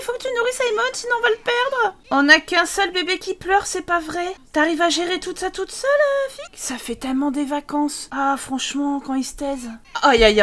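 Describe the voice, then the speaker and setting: With a high, sharp voice, a woman plays through a video game as a let's play gamer, commenting as she goes. She exclaims, laughs often, and teases the characters with mock exasperation.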